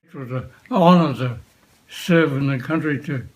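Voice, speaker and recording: An elderly man, a veteran, remembering his past in an unscripted interview, speaking in short, halting phrases with frequent pauses. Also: medium pitch. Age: 80s or older. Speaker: war veteran being interviewed. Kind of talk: unscripted reminiscence, recalling the past.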